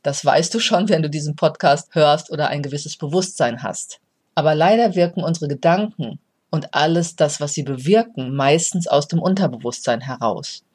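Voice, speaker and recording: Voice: medium pitch, moderate pace, a little mellow, slightly rough. Reflective motivational podcast host. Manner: reflective, explanatory, addresses the listener directly. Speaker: podcast host, resilience coach.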